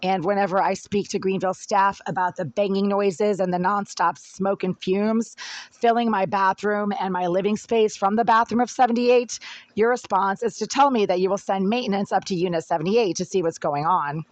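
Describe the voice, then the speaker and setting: Speaking at a normal speed with a steady tone, a hoarse tenant of medium pitch records his own agitated complaint on a handheld phone. He rambles in an aggrieved way, fiddling with the device, in an apartment with no echo.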